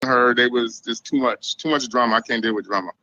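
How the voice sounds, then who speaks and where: A man from Israel, a guest on a live dating interview, giving short, flat answers. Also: medium pitch, a little fast, muffled recording.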